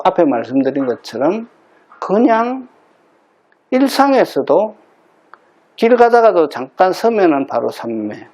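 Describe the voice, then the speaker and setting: Middle-aged guy giving a buddhist dharma talk, warm mellow voice a bit high, repeats key words. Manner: explanatory, repeats key terms for emphasis.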